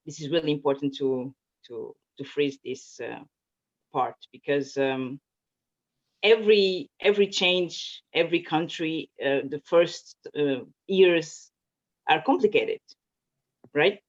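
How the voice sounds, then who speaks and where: A woman's voice: low-pitched, slow. A woman from Portugal, a native Portuguese speaker, answering interview questions in a casual, hesitant way with many fillers and restarts. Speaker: interview guest. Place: home in Zurich. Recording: muffled lo-fi audio.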